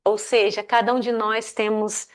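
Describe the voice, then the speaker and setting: A woman's voice: mid-range voice, moderate pace. A woman telling a folk tale aloud. She acts out the characters' voices and often adds small tag questions. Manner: lively, acts out the characters' quoted lines; many fillers like "né?". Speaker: guest speaker telling a tale. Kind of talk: oral storytelling.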